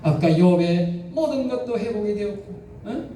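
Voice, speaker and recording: A male pastor with a Gyeongsang accent preaching a sermon with emphatic, rising exclamations and rhetorical questions. His voice sits high but has a mellow tone. It rings through a very echoey church hall, picked up from some distance. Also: animated, moderate pace, a little hiss or hum. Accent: Gyeongsang Korean. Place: church sanctuary.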